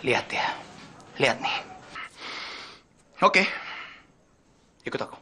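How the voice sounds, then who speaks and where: A man's voice: slow pace, slight background noise. An actor playing a young husband who pleads with his wife and insists he loves her. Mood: insistent. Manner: pleading and insistent, breaks into shouts. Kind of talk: TV film acting. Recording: film soundtrack with loud music behind.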